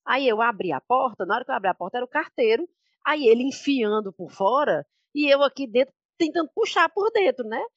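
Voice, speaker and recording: A woman's voice: on the high side, lively intonation, brisk, no echo, dull audio. A Brazilian woman in her thirties, co-hosting a casual podcast and retelling a mishap in a chatty, emphatic way. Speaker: podcast co-host. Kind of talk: casual storytelling chat.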